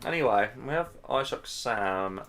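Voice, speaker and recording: A man's voice: mid-range voice, lively intonation, unhurried, fairly bright tone. A man casting a live strategy game match, chatty and casual, thinking aloud and sounding tired. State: tired, yawning. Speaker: game caster.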